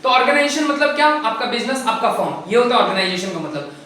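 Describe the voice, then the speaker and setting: A man teaching a recorded lesson from handwritten notes. He talks fast, says so himself, mixes in English, slows down to read definitions, and keeps checking in with the class. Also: very high-pitched, sing-song, pushed and bright, a little hiss or hum. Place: room with board, writing notes. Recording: very echoey room, voice far from the mic.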